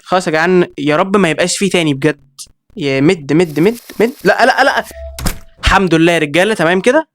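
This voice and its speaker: A man with an Egyptian accent giving excitable let's-play commentary, reacting with quick exclamations and talking straight to his viewers. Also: fairly high pitch, a little hiss or hum. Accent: Egyptian Arabic. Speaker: gaming video creator.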